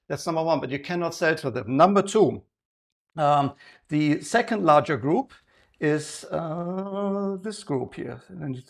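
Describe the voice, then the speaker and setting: A man's voice: fairly high pitch, vocal fry. A man with a German accent presenting a live sales workshop, often checking in with the audience and restarting his sentences. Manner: engaging, asks the audience frequent questions; halting, many restarts and fillers.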